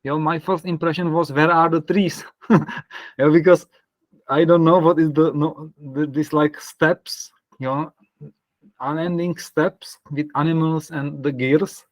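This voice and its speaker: A man from the Republic, a parish priest talking casually on a video call, searching for words with soft laughs. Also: a little high, fairly even intonation, a little slow, no echo, rough recording. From Czech Republic.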